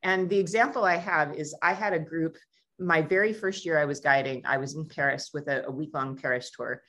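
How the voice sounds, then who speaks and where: A woman's voice: sits low, fairly quick. An American woman who hosts a travel talk show, telling a story and acting out the voices in it. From United States. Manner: animated, acts out quoted voices. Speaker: travel show host and tour guide. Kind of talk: casual conversational storytelling.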